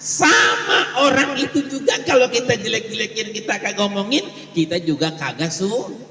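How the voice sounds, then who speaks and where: A man with a Betawi accent preaching a lively, joking sermon to a women's congregation, acting out gossiping neighbours. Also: high voice, normal speed, slight background noise. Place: large echoey hall. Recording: echoey hall with long reverb.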